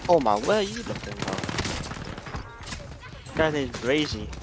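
An excitable man calling out enemy positions over voice chat, his voice rising and swooping high. Loud gunfire and game noise crowd in behind him. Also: measured pace. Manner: excitable call-outs. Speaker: teammate in voice chat. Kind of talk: casual gaming voice chat.

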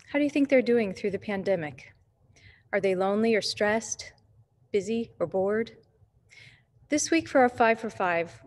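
A woman gives a short church devotional from her pew, and her voice echoes through a large empty sanctuary. She speaks gently and conversationally at a middle pitch, pausing to ask her listeners reflective questions. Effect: echo of a large empty church sanctuary. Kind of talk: short scripted devotional talk.

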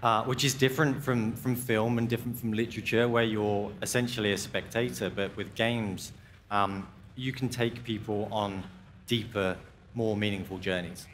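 A young man speaking as a game developer on a live panel, measured and earnest with some hesitations, on a headset mic. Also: on the low side, fairly even intonation, a bit bright, slight background noise. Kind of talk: live stage panel discussion. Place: large indoor event stage.

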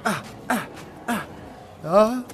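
A young man commentating his own video game boss fight, excitable, swearing, and shouting and repeating words in bursts. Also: sits high, drawn-out words, faint music behind. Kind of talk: live gameplay commentary.

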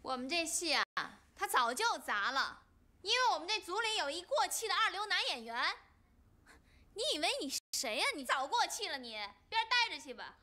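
Cutting veteran actress, high lively voice. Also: female voice, fairly quick, heavily acted. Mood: scornful. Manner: cutting, quarrelsome. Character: sharp-tongued veteran actress. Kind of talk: film drama acting.

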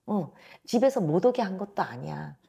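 A woman's voice: fairly low pitch, big pitch swings, moderate pace, vocal fry, warm tone, husky. A woman in her thirties giving a blunt, emphatic fortune-telling reading to a client, speaking into a lapel mic in a small indoor office. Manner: blunt, emphatic, talks down informally. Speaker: fortune teller.

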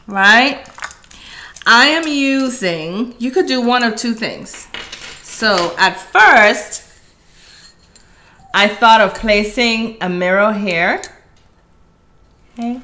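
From a room in her home, a middle-aged woman runs a live craft tutorial and chats casually with viewers, calling them "guys" as she works. Her mid-range voice comes across pushed and bright.

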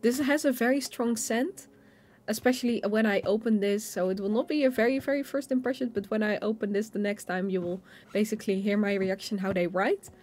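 A woman's voice: medium pitch, steady tone, a little fast, a little mellow. A young woman at a home desk, chatting casually about pens and a notebook with many fillers and restarts. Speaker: stationery vlogger. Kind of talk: casual show-and-tell narration. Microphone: overhead camera over a desk.

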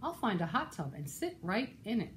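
A woman's voice: medium pitch, sing-song, normal speed, a little hiss or hum, close to an everyday voice. A woman voicing a cheerful, childlike snowman in a storybook, exclaiming in sing-song rhymes. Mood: shivering, complaining.

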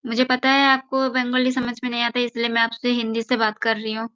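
A woman's voice: fairly high pitch, completely flat delivery, brisk, pushed and bright, no echo, muffled recording. A young woman chatting casually on a live stream, coaxing and pleading with viewers in a playful way.

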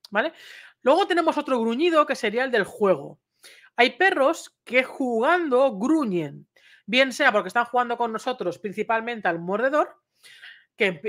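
Chatty woman. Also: a little high. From Spain. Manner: chatty, checks in with frequent tag questions; animated, acts out little quoted exchanges. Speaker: dog trainer. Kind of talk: informal educational talk to camera.

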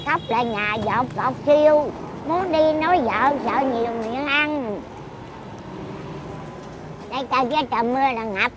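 Old lady in her 80s chatting outside, high pitched, bossy teasing talk, loud street noise. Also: measured pace, long pauses. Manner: blunt, teasing, scolds playfully. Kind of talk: casual chat.

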